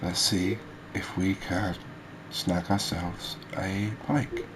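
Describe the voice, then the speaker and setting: Speaking softly and close to the microphone, a deep-voiced man who makes gaming videos offers calm, leisurely ASMR commentary over a video game. Ambient background noise comes through clearly.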